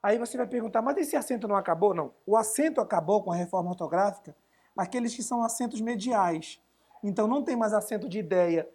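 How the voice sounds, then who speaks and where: A man's voice: high voice, fast, a little mellow, husky. A man teaching an essay-writing class live online, chatting casually and answering viewers' questions as he goes.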